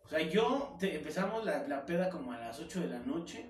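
A man's voice: on the high side, expressive, brisk, reverberant, distant mic, a little hiss or hum. A young Mexican man chatting casually with a friend, telling a story in a slangy, laid-back way. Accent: Mexican Spanish. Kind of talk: casual chat between friends.

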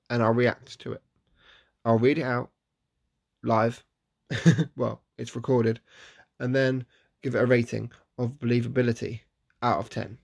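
A man's voice: mid-range voice, creaky. A man hosting a casual solo podcast in a groggy morning voice, chatty and self-deprecating, laughing at himself. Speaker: podcast host.

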